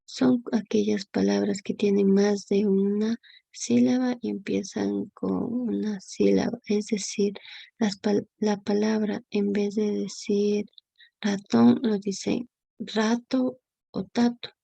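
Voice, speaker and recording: Young woman student presenter, slow and hesitant, gravelly and husky, many fillers. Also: mid-range voice, level tone, mellow, dry recording. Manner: halting, many fillers and restarts. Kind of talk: class presentation.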